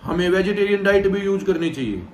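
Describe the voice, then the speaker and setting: A man in his thirties, a gym trainer, calmly talking viewers through a vegetarian meal plan from a sofa at home, checking in with them often. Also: high-pitched, fast talker, a little hiss or hum. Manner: direct, repeats "theek hai" to check in with viewers. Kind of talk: casual instructional vlog. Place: indoor room, seated on a sofa. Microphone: far camera, no visible mic. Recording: echoey room, mic set back.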